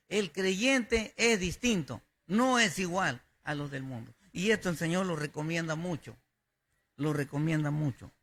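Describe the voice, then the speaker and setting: A male pastor delivers a sermon in a high, forceful voice. He preaches slowly and emphatically and often repeats his key phrases.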